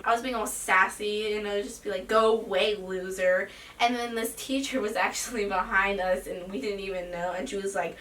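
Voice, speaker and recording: A woman's voice: on the high side, sharp tone, a little hiss or hum. A teenage girl telling her own stories to the camera in a chatty vlog, full of "like" fillers. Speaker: vlogger. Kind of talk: casual storytelling vlog. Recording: roomy echo, slightly distant from mic.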